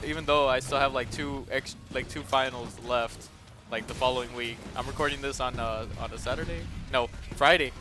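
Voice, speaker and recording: Young male gaming host, mid pitch, casual rambling commentary, heavy swearing, frequent laughs, game music underneath. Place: at home.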